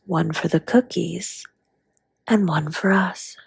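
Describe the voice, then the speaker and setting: Playing a doting dragon who bakes and is married to the listener, a woman flirts in an intimate romantic roleplay, her husky, breathy voice teasing and often sinking to a whisper. She speaks slowly at a fairly low pitch, heavily acted and tender, in a dry recording.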